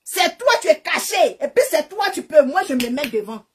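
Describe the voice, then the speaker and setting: A woman's voice: sits high, very animated, moderate pace, a little hiss or hum. A woman streaming live from her phone, ranting angrily and hurling taunts and insults at a rival. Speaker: social media live streamer. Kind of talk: angry insult-filled rant to a phone. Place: living in Canada. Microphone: phone camera.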